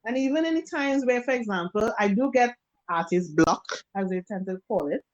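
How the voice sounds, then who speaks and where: Speaking at medium pitch and a little fast, a guest face and body painter from Trinidad and Tobago tells stories over a video call interview. She is in her thirties with a Trinidadian accent and livens up her casual chat by acting out quotes. The sound is dull.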